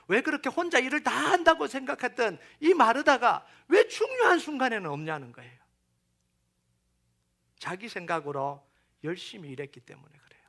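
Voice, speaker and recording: A middle-aged man preaching a sermon as pastor, animated, acting out quoted voices and sinking to near-whispers. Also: high-pitched, vocal fry.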